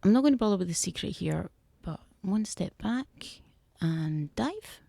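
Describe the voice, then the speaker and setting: A woman's voice: mid-range voice, lively intonation, unhurried, creaky, warm tone, dry recording. A woman commentating as she plays a game, chatty and laughing, anxiously repeating phrases when things get tense. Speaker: gaming streamer.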